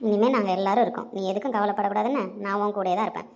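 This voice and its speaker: Woman as a fussing auntie, talks super fast, coaxing and warm. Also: medium pitch, steady tone, close to an everyday voice. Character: caring mother-in-law aunt. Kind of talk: family audio drama.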